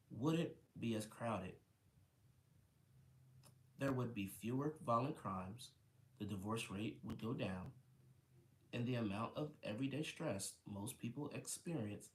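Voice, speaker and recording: A man's voice: mid-range voice, a little hiss or hum. Man reading aloud, stumbling, in a roomy space. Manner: stumbling, self-correcting reader. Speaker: host reading a book aloud. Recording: roomy echo, faint ambience.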